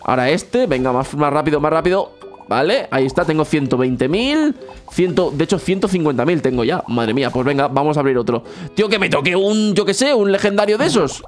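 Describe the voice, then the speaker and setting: Young-sounding gaming YouTuber, higher voice, bursty excited commentary. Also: male voice. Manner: excitable, repeats words in quick bursts, yelps when he wins.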